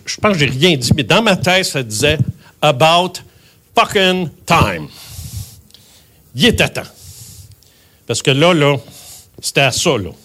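Animated older Québécois man telling a story. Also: on the high side. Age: 70s. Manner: emphatic, animated, swears often. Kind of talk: personal storytelling.

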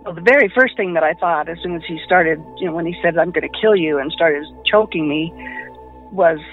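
A woman giving personal testimony about an attack she survived, in a quiet, halting way. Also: lowish voice. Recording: muffled lo-fi with faint music.

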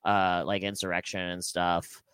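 A young man co-hosting a casual comedy podcast, talking in an animated, jokey way with many halting restarts. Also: sits low, clean tone, dry recording. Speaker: podcast co-host.

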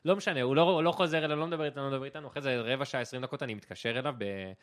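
A young man co-hosting a podcast, telling a story in a casual, animated way and laughing often. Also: mid-range voice. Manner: animated, laughing storyteller, shouting quoted lines. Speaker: podcast co-host.

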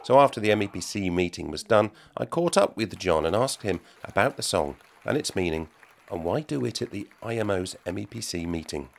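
A man's voice: fairly low pitch, expressive, a little fast, vocal fry. A male podcast host asking chatty interview questions, restarting as he frames them. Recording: crowd chatter around the speaker.

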